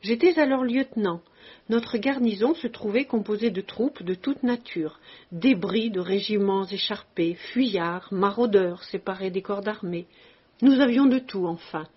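A woman voicing a composed, stern but kindly male army commandant who tells his story in a measured way, on a dull lo-fi recording. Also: mid-range voice, breathy edge.

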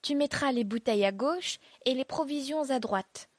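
A woman's voice: sits high, normal speed, darkish tone, no room sound. A woman reading aloud, voicing a bossy, mocking tall bearded young man. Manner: commanding, mocking.

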